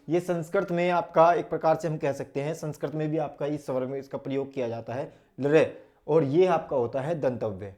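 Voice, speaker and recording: A man teaching an online Hindi lesson, demonstrating each vowel sound slowly and aloud, and asking questions he then answers himself. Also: on the high side, a little mellow. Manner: drills sounds aloud, asks and answers his own questions.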